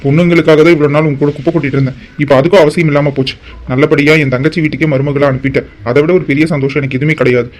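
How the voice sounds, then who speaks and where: A man's voice: fairly high pitch, fairly even intonation, lightly acted. A man voicing a stern middle-aged father in a cartoon drama, scolding his scheming wife. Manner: rapid, scolding. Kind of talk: Tamil cartoon drama voice acting.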